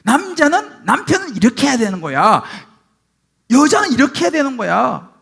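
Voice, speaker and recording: A man's voice: very high-pitched, moderate pace, vocal fry, breathy edge. A middle-aged man, a pastor preaching a sermon and acting out voices as he tells stories. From Gyeongsang region, Korea. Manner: animated storytelling, acting out quoted speech.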